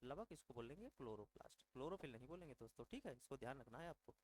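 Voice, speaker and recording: A man's voice: medium pitch, lively intonation, fast, darkish tone, slight background noise, rough recording. A man teaching an exam-prep science lesson, quizzing his viewers and answering each question himself. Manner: drills facts with reminders to memorise them.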